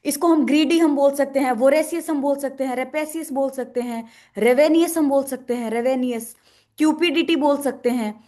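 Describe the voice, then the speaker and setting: High-voiced woman teaching vocabulary. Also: normal speed, mellow. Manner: asks questions then answers them herself, repeats words. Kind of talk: explaining in a lesson with memory tricks.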